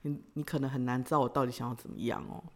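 A woman's voice: rumbling low, steady tone, very fast. A young woman, hosting a podcast and telling a personal story in a playful, teasing way with frequent giggles. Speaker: podcast host.

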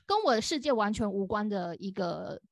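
A young woman with a Taiwanese Mandarin accent, co-hosting a podcast and telling a story in an animated way, laughing often. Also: medium pitch, moderate pace, no echo, clean studio sound. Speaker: podcast co-host. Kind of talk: casual chat.

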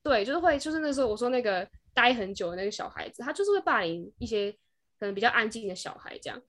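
A young woman with a Taiwanese Mandarin accent chats on a podcast in a quick, brisk rush. Her voice sits a touch high. She tells her stories with animated energy and briefly acts out the people in them. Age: young adult. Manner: animated storyteller who briefly acts out kids and parents. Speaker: podcast co-host. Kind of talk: casual chat.

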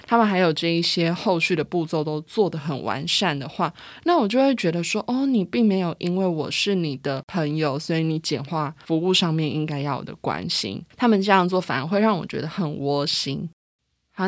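A woman's voice: low voice, no room sound, studio quality. A Taiwanese woman hosting a casual solo podcast in a reflective, explanatory way, speaking through a face mask, slightly muffled and a little breathless with audible breathing. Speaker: podcast host. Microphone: close microphone, voice through a face mask.

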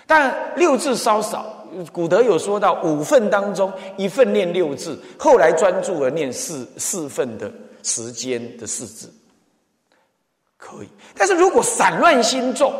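A man giving a Buddhist dharma talk as temple abbot, animated, acting out little scenes and sometimes dropping to soft murmured chanting. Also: high voice. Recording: echoey hall with long reverb.

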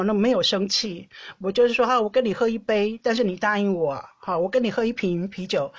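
A Taiwanese woman with a Taiwanese Mandarin accent, hosting a podcast and telling a personal story in an animated, chatty way, often laughing and tagging phrases with a soft "ha". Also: mid-range voice. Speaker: podcast host. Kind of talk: casual storytelling monologue.

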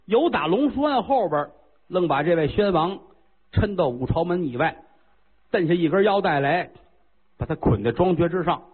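A man performing traditional pingshu storytelling, with lively colloquial asides and jokes. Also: sits high, normal speed, husky. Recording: lo-fi phone-like recording.

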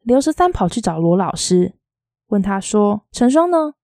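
A woman reads a novel aloud in a soft, quietly lilting storytelling voice. Her tone is mellow and warm, and the sound is dry and close. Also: mid-range voice, animated, normal speed, gravelly, dry recording. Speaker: audiobook reader.

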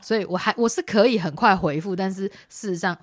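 Quick Taiwanese woman, teasing storyteller. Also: medium pitch, no room sound, clean studio sound. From Taiwan, raised in Taipei. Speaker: podcast co-host. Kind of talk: casual chat mixing Hokkien and Mandarin.

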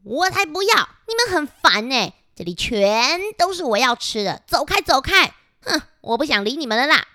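A woman's voice: sits high, very animated, normal speed, pushed and bright, no room sound, studio quality, pitched above the performer's own voice, heavily acted. A woman voicing a greedy, grumpy male cockroach in a children's picture-book reading, whining and stammering. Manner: whiny, stammering. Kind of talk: picture-book read-aloud.

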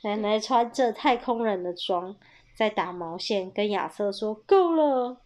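A woman reading a picture book aloud to children in a playful, animated storytelling manner, calling out the characters' shouted lines. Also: medium pitch, unhurried. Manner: lively, playful, loud bursts for quoted shouts.

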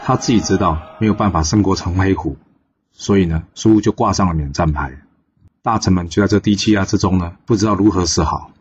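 Guy retelling an old legend, chatty and casual, husky low voice, dull lo-fi sound. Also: brisk. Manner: chatty, filler-heavy narration. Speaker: storyteller. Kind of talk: casual oral storytelling.

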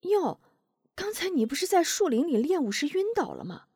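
A shrill, fussing older village aunt, as a woman narrator puts her on chatters in high, swooping tones. The sound is close and dry, with no room around it. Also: big pitch swings, measured pace, darkish tone, no room sound. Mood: startled, fussing.

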